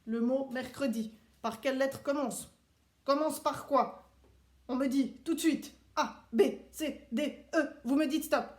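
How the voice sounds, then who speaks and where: A man's voice: very high-pitched, steady tone, a little slow. A man playing a strict male Swiss soldier who teaches children with clipped, barked commands, recorded in a roomy space. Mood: drilling. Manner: barking commands, clipped and precise. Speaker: stand-in teacher. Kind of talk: playful classroom role-play. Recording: roomy echo.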